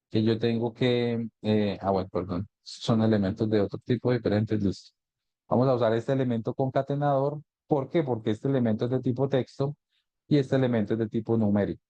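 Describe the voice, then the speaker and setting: Male instructor in a live online lesson, mellow tone, patient step-by-step explaining, dry recording. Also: mid-range voice, no echo. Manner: explains step by step, often asks "¿cierto?". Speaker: GIS instructor. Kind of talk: live online class, screen-share tutorial.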